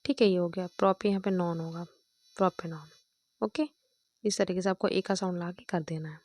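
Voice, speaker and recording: A woman chemistry teacher with a lowish voice and fairly even intonation explains step by step at a brisk pace, recorded dry. She counts aloud and keeps checking in with her students using "thik hai" and "dekho".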